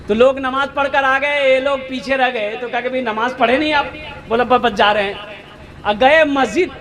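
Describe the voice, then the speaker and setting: A man from Bengal giving an animated sermon to a seated gathering, questioning his listeners and slowing down for emphasis. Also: high-pitched. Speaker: Islamic preacher. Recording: live gathering with crowd noise. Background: seated crowd of listeners.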